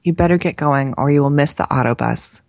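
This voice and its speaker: A woman's voice: sits low, a little fast, a little mellow, no room sound, clean studio sound. Woman voicing a patient teenage daughter. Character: dutiful seventeen-year-old daughter.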